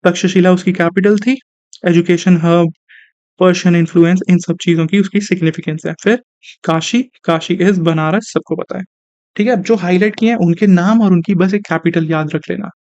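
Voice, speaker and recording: A man's voice: high voice, steady tone, normal speed, darkish tone, dry recording. A young male teacher gives an online exam-prep lecture, mixing Hindi with terms and asking and answering his own questions. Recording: dry, slightly dull recording.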